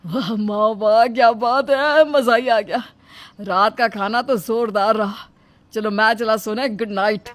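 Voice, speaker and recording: A woman's voice: a little high, fairly even intonation, no room sound, natural voice. A woman voicing a grown son who scolds his wife and praises his mother's cooking. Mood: delighted. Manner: scolding, quick complaints. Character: grown son, exasperated young husband.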